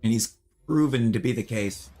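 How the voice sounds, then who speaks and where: A man's voice: mid-range voice, moderate pace, warm tone. Opinionated man chatting while gaming. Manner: opinionated, talks to chat viewers; rambling with restarts and fillers. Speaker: streamer. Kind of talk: casual chat while gaming.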